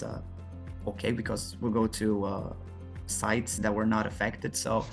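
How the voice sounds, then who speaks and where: A man's voice: lowish voice, gravelly. A man from Romania, answering interview questions in an earnest, explanatory way with frequent restarts. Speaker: guest, solar company founder.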